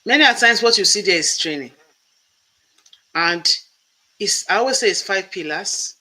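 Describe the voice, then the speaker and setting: A man's voice: sits high, expressive, normal speed, pushed and bright, low-quality recording. A man hosting an interview, explaining points one by one in an emphatic way. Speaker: host and professor. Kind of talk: interview conversation.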